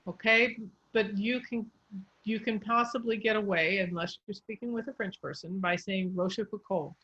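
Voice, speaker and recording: A woman's voice: mid-range voice, fairly even intonation, sharp tone. Patient woman coach, lo-fi sound. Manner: patient, spells out letters slowly. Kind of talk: pronunciation coaching.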